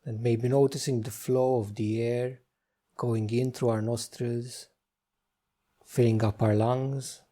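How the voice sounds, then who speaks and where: A man leads a meditation, his voice dark, relaxed and medium-pitched. Short, gentle instructions are separated by unhurried pauses.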